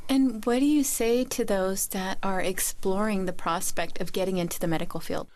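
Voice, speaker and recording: A woman hosting a public radio interview, reading scripted lines in a measured, formal way. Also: mid-range voice, fairly even intonation, darkish tone.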